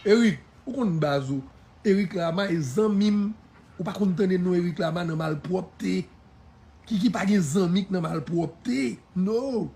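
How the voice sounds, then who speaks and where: A man's voice: sits high, a little slow, vocal fry, dark tone. A man with a Haitian accent giving a defiant, emphatic live-stream monologue, laughing often and slipping into French phrases.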